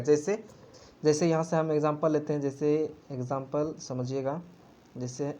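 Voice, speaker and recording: A man's voice: a little high, a little mellow. A man teaching an exam-prep grammar lesson, asking a question and answering it himself. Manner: repetitive question-and-answer drilling.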